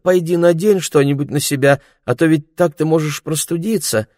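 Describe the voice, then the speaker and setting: A man reading aloud voices a fussy, absent-minded mother who soothes her grown children in a high, cooing voice. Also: moderate pace, a little mellow, no room sound, studio quality, natural voice. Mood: soothing, fussing. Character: fussy soothing mother, middle-aged woman.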